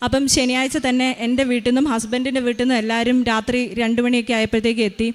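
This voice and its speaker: Fast-talking woman giving a testimony. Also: on the high side, flat delivery. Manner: rapid, earnest retelling with many hesitations. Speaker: mother giving a faith testimony. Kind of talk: spoken testimony.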